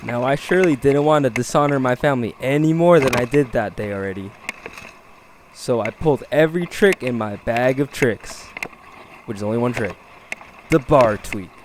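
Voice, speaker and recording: A young man narrating his own mountain biking video in a deadpan, joking voice-over. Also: mid-range voice, normal speed, noisy background. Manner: deadpan jokey storytelling. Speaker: mountain bike vlogger.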